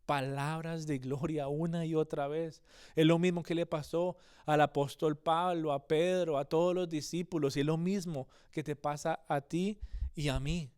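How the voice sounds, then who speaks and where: A man's voice: a little high, fairly even intonation, moderate pace, darkish tone, clear, resonant tone. A male pastor preaching a sermon, earnest and speaking straight to his listeners, often correcting himself mid-phrase. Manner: earnest, addresses listeners directly, frequent self-corrections.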